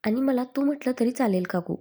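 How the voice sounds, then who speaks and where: A polite young man who answers kindly and with a smile, as a female narrator voices him. The tone is mellow and slightly husky. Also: fairly high pitch, brisk, close to an everyday voice. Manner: polite, smiling.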